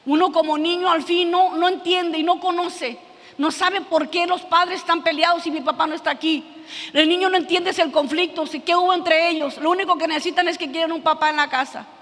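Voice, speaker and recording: A woman giving an earnest testimony in a church, telling her story haltingly with many restarts. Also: very high-pitched, fairly even intonation, fairly bright tone. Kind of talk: sermon testimony. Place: church hall. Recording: long hall reverb.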